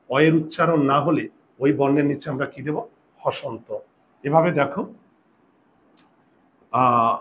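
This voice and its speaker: A man teaching a grammar lesson, explaining step by step, asking his students questions and saying example words very slowly. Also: on the high side, a bit bright, a little hiss or hum. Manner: drawn-out slow example words. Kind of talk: classroom pronunciation lesson.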